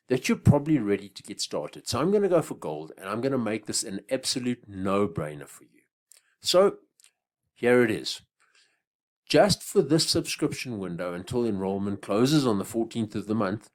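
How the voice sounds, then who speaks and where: A man, a business coach delivering a scripted sales pitch that builds up to each price drop. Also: darkish tone. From Africa. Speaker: business coach selling an online course.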